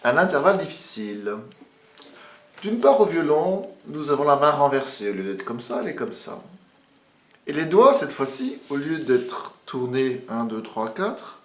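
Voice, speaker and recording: A man's voice: medium pitch, sing-song, normal speed, fairly bright tone, roomy sound. A man teaching violin, explaining patiently and step by step as he demonstrates. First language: French. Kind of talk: music lesson.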